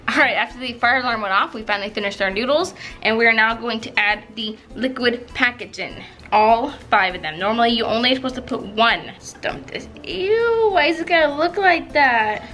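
A woman vlogger chatting casually through a cooking and eating challenge, reacting with lively exclamations. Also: fairly high pitch, moderate pace. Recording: roomy echo, faint noise.

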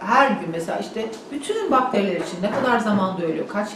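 A woman's voice: mid-range voice, lively intonation, fast. A woman explaining something casually, hesitant and searching for her words. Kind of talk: casual chat, explaining informally. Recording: very echoey room, distant mic, noisy.

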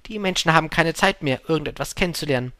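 A man voicing a talkative, wistful male fox in an audiobook, speaking up with a lively, pleading tone. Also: a little high, fast talker, no room sound, pitched above the performer's own voice. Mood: earnest. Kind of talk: audiobook reading.

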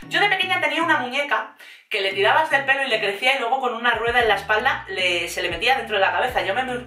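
A young adult woman from Spain with a Spanish accent, telling a story in a vlog while doing her makeup, theatrical and animated, acting out her quotes. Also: on the high side. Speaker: vlogger. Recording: roomy echo, mic at a distance, faint music.

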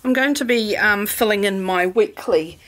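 A middle-aged woman with a New Zealand accent, chatting casually at home as she plans, relaxed and full of ums. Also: mid-range voice, moderate pace. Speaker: planner vlogger. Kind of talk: casual craft chat. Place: home room.

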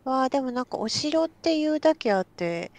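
A woman's voice: high voice, lively intonation, a little fast, a little mellow. A woman co-hosting a game let's play, bantering and protesting with a giggle in casual chat on a close mic.

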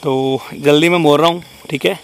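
A man's voice: a little high, fairly even intonation, brisk, clean tone. A young man hosting a night-time paranormal vlog outdoors, talking casually to his viewers through a handheld camera mic and grumbling about mosquitoes. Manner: addresses viewers as friends, complains about mosquitoes. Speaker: paranormal vlogger. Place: outdoors at night in a rural wooded area. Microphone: camera-mounted mic, camera held in hand.

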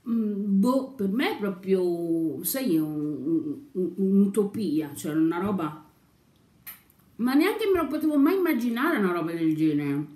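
A young woman YouTuber eats breakfast on camera and rambles casually, at times talking with her mouth full. Her mid-range voice is mellow and sing-song, delivered at a measured pace. The room she is in sounds echoey.

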